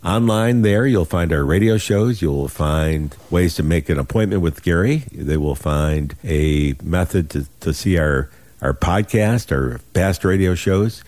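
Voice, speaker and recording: A man in his sixties with a deep voice hosts a money show on radio. He sells in a folksy, urgent way, leaning on his points and repeating them. The sound is close and dry. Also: expressive, measured pace, darkish tone, no room sound. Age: 60s. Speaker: financial radio show host. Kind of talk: radio sales pitch talk.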